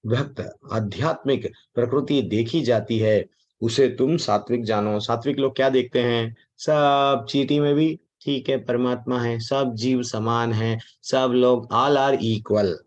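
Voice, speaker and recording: A man's voice: medium pitch, steady tone, measured pace. A man teaching a devotional class on the Gita in a chatty way, mixing in English words and acting out the voices he quotes. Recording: dull lo-fi recording.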